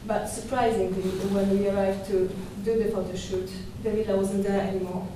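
Young woman, curator, conference talk, flat delivery, hesitant restarts, roomy hall reverb, audible background hiss. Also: medium pitch. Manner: measured, thoughtful, with hesitations and restarts. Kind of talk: conference presentation. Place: dark lecture hall at a podium. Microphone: podium microphone. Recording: echoey hall from far off.

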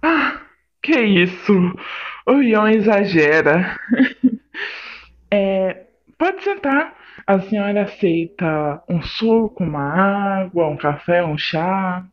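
A flustered, hot-headed young guy, voiced by a man in an amateur voice drama. He curses loudly, then quickly turns polite. The audio is a little muffled and lo-fi. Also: sits high, lively intonation.

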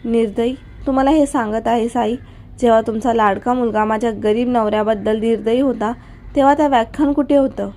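A bitter widowed mother hurls accusations at her husband's killer, as a woman reading the story voices her. Her voice is warm-toned and fairly high, with a hard, accusing edge. It is part of a storybook narration. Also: steady tone, fairly quick, natural voice. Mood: angry. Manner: angry, accusing.

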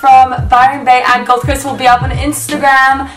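A bubbly woman chats and giggles through a casual vlog, her voice sitting a touch high and peppered with "like". She is recorded from a distance in an echoey hotel room. Music plays clearly underneath her. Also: flat delivery, normal speed. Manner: bubbly, giggly, filler-heavy with "like". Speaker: vlogger host. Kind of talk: casual chat.

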